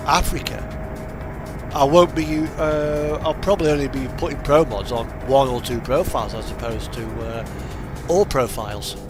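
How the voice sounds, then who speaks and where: With game music and truck engine noise running behind him, a British streamer talks in a rambling, somewhat hesitant way as he drives. His voice is mid-range and his pace is normal.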